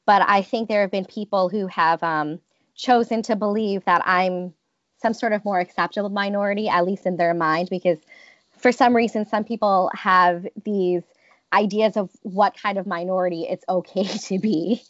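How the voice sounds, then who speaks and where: In an interview, a woman in her thirties from the United States reflects on personal stories, speaking thoughtfully and hesitantly with many restarts. Her medium-pitched voice has fairly even intonation and a moderate pace. The recording is dry and dull.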